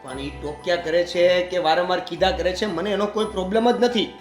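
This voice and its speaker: A man's voice: high-pitched, fairly even intonation, brisk, faint music behind, lightly acted. An actor playing an unemployed young man who complains sulkily about his sister-in-law. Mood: grumbling. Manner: sulky, complaining. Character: idle grumbling young man, unemployed son. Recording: echoey room.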